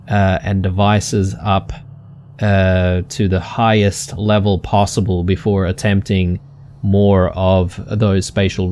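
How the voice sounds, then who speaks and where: Low-voiced guy wrapping up a let's play, chatty, lots of ums, faint hiss behind. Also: a little mellow. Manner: chatty, many ums and uhs, addresses viewers as guys. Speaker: gaming channel host. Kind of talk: casual let's play commentary.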